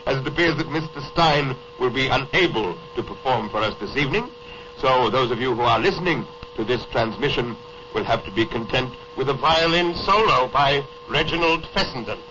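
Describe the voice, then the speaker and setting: A man's voice: mid-range voice, lively intonation, moderate pace, crowd noise. A man playing an early radio inventor addressing ships at sea, speaking formally, heard over AM radio with a hum. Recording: muffled radio with loud hum.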